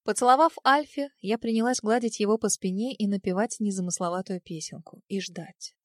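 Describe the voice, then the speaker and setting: A woman narrating a first-person fantasy audiobook in a soft, emotive storytelling manner on a close mic. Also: medium pitch, fairly quick, no room sound.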